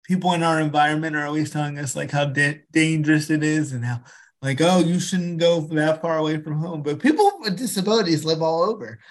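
In a casual interview chat, a podcast host with a fairly high-pitched voice talks fairly quickly. He keeps encouraging his guest, repeats himself and leans heavily on fillers such as "like" and "you know."

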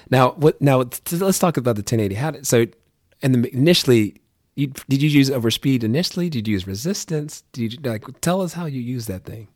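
A man's voice: medium pitch, expressive, brisk, a little mellow, dry recording, studio quality. A man hosting a casual interview, eagerly asking questions and often restarting them. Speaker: podcast host.

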